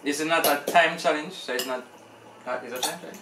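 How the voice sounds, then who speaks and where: A man's voice: a little high, fast. Man chatting casually in an echoey room. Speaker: challenge participant in a couple's vlog. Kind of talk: casual chat. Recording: echoey room, far mic, clear noise.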